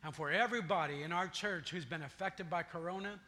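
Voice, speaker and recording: Male pastor in full sermon mode, high-pitched, lots of church reverb. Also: brisk, sharp tone. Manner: preaching, builds to declarations. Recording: long church reverb, faint music.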